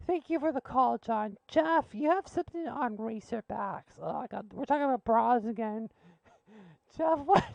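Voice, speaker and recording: High-voiced blunt woman hosting a call-in show. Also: lively intonation, moderate pace, vocal fry, a little mellow, dry recording, dull audio. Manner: blunt, joking, rambling. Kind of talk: casual call-in radio chat.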